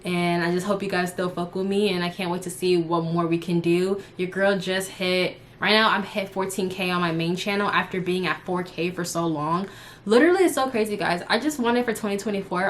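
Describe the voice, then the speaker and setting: With a fairly low pitch yet a fairly bright tone, an early-twenties YouTuber and live streamer chats to her followers without a script. She's open and slangy and rambles along, over a little hiss or hum.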